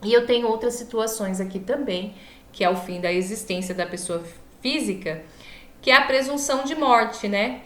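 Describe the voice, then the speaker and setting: The speaker is a Brazilian woman giving a casual online law class, her voice a little high and her pace moderate. She stumbles on long words and corrects herself, her speech slightly impeded by a swollen mouth. The recording picks up the echo of the room.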